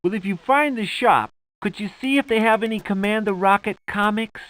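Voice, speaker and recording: Brief: timid young comic fan in a game, high voice, polite and hesitant. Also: male voice, a little fast, a bit bright. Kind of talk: video game voice acting.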